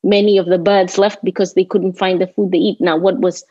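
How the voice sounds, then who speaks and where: Speaking fairly quickly, with little pitch movement, a lowish, dark and slightly rough voice belongs to a Kenyan-accented woman raised in Nairobi. As an interview guest and landscape designer, she reflects thoughtfully and leans on emphatic repetition. The sound is roomy and slightly dull, lo-fi.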